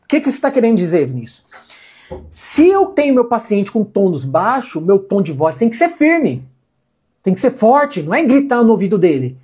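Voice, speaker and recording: A woman with a Brazilian Portuguese accent lectures on physiotherapy in a mellow, husky voice. She drives her points home by repeating them and firing questions she answers herself, in a casual classroom manner. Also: mid-range voice, big pitch swings, moderate pace. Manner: emphatic, repeats key points, asks and answers own questions. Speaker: physiotherapy instructor. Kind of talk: informal lecture.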